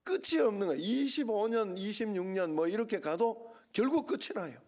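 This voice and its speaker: A man's voice: high voice, animated, a little fast, darkish tone. A middle-aged male pastor with a Gyeongsang accent, preaching a sermon in a chatty way and often throwing questions to the congregation. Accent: Gyeongsang Korean. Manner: conversational, asks the congregation questions. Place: church sanctuary.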